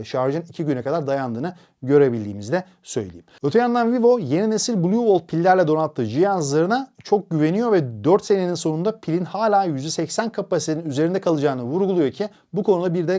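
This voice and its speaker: A man's voice: a little high, mellow. A man presenting a tech product review, explaining steadily with frequent hesitation fillers.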